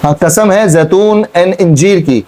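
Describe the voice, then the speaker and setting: Male Quran teacher, high mellow voice, questions and repeats. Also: unhurried. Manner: questioning students, repeating points. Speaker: Islamic teacher. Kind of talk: Quran class explanation. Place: classroom with students.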